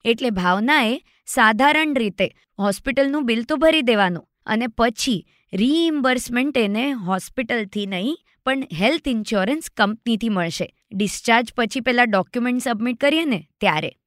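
A woman's voice: on the high side, expressive, normal speed, no room sound, clean studio sound. A woman in her thirties hosting a finance podcast, telling a story in a chatty way and acting out the lines of a friend. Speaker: podcast host.

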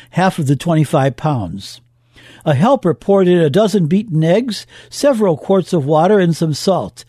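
A man with a high, mellow voice reads a scripted history story in a measured, even way. The sound is close and dry, with no room around it. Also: no echo. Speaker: radio history narrator. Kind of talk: scripted narration.

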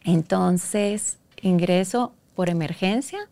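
A woman from Guatemala speaks as an interview guest, telling a painful personal story. Her voice is gravelly and dark, and she talks in a halting, emotional way, breaking off and restarting as she retells old conversations. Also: lowish voice, dry recording.

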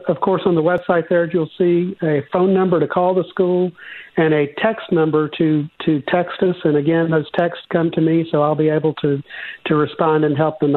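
Georgia-accented man on a phone-like line. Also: on the high side. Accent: Georgia, US Southern. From Georgia, USA. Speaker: seminary admissions director, interview guest. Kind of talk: conversational radio interview. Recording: tinny, narrow phone-like line.

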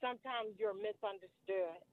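A woman's voice: medium pitch, moderate pace. A middle-aged woman calling in to a radio show over the phone, speaking earnestly and hesitantly with frequent ums. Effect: heard over a phone line. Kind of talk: call-in conversation. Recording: tinny phone line.

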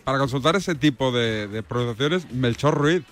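A man hosting casual radio chat, joking and firing quick questions. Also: medium pitch, lively intonation, faint music behind. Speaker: host.

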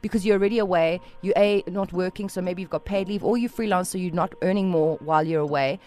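Female radio host, South African accent, chatty and animated, loose conversational phrasing. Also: lowish voice, quick pace. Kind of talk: casual radio chat.

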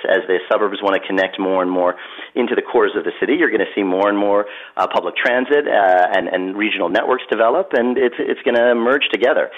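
Fast-talking low-voiced man, lo-fi line. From Philadelphia, USA. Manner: emphatic, rapid, many fillers. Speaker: guest expert on suburbs. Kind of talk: interview answers.

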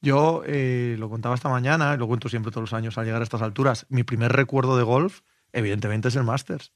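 A man's voice: medium pitch, fairly even intonation, fast, no echo, clean studio sound. A man in his forties from Spain with a Spanish accent, hosting a sports show in loose, colloquial chat, often nostalgic. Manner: nostalgic, colloquial, swears casually.

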